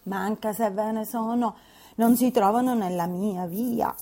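Impetuous proud young lady from a storybook reading, higher-pitched and emphatic, as a female narrator puts her on. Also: steady tone, measured pace, warm tone. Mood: defiant. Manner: pleading, capricious, passionate outbursts. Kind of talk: audiobook character reading.

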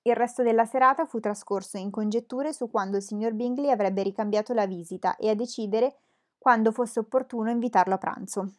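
A woman narrating a classic novel aloud in steady, even audiobook style. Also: a little high, a little fast. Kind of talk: scripted narration.

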